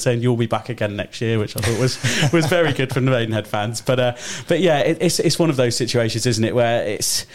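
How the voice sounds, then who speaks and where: Brisk male presenter, chatty and easygoing, keeps the show moving. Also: medium pitch. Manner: chatty, laughs lightly between points. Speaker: radio sports show presenter. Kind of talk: casual sports radio chat.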